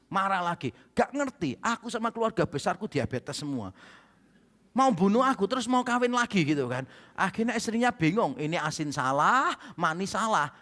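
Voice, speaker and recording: A man's voice: high-pitched, bright, forceful tone. A male pastor with an Indonesian accent, preaching a sermon with humorous stories and acted-out dialogue. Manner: humorous storytelling, acts out quoted dialogue. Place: church hall. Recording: church hall reverb.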